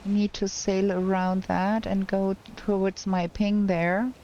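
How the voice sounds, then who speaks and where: A woman streamer giving casual gameplay commentary, thinking aloud in a slow, hesitant way, her voice cracking because she is unwell. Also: mid-range voice, flat delivery, mellow, muffled recording, slight background noise. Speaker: game streamer.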